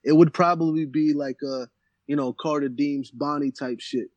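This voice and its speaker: A man's voice: on the high side, fairly even intonation, moderate pace, darkish tone, muffled recording. A man from Central New Jersey, a battle rapper as interview guest, talking loosely with many "you know what I'm saying" fillers. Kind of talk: casual interview chat.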